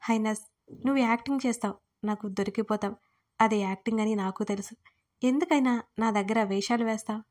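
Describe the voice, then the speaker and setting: A woman voicing a teasing, possessive young man in a storybook reading, firm and calm. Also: fairly high pitch, brisk, lightly acted.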